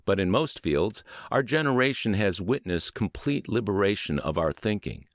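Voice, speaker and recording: A man who narrates audiobooks and hosts a podcast reads a prepared text from an old book in scripted narration. His lowish voice is animated, rising and falling expressively, with deliberate, emphatic phrasing. The recording is dry, with no audible room.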